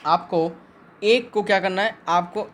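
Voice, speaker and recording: A male teacher giving an online class, explaining step by step and slowing down to dictate notes. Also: high voice, fairly bright tone, slight background noise. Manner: explains step by step, mixing Hindi and English, dictating notes slowly.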